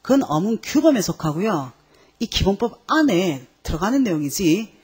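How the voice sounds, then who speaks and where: This woman's voice is husky and mid-range, and she talks at a moderate pace. She teaches Chinese characters for an exam in a lively way, quizzing the class and constantly checking that students are following.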